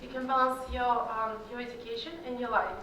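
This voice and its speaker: Speaking to students at a Q&A, this alumni guest speaker is a young Kyrgyz woman whose first language is Russian, and she answers casually with lots of fillers. Her fairly high voice has a sharp tone and little pitch movement, and she talks a little fast. The mic sits far away in a big echoey hall, leaving roomy sound and slight background noise.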